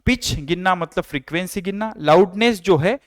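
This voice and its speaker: A male teacher lectures with a smooth, clear, slightly high voice. He repeats key phrases and asks and answers his own questions. The sound is close and dry. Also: moderate pace, dry recording. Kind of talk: classroom lecture.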